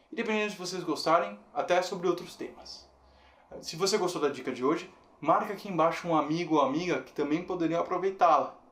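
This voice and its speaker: A man teaching a video lesson in a patient, explanatory way, slowing down to model how words are said. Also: a little high, a bit bright. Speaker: English teacher. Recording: roomy echo.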